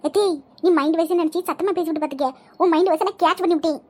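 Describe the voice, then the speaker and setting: A woman's voice: extremely high pitch, steady tone, dark tone. A woman voicing a cheeky, teasing young village woman in a cartoon comedy, with a Kanyakumari Tamil accent. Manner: teasing, quick banter.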